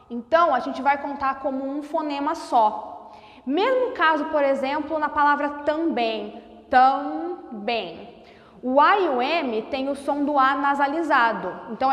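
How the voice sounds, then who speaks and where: A woman teacher giving a phonetics lesson at a whiteboard. She sounds out words very slowly and deliberately. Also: sits high, a bit bright. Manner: slow, deliberate over-enunciation of sounds. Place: classroom with a whiteboard. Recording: echoey room with long reverb.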